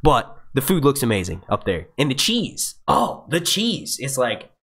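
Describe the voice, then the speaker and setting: Youthful-sounding man, animated live-stream chatter. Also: medium pitch, unhurried. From United States. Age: 20s. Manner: rambling and chatty, with many fillers and profanity. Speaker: YouTube channel host reading live chat. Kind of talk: casual live-stream chat.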